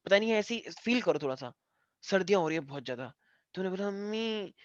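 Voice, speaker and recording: A man's voice: high voice, lively intonation, fast talker, no echo, muffled recording. A man teaching a science class, explaining step by step and joking with his students. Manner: playful, joking and teasing students. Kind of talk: live online class lesson.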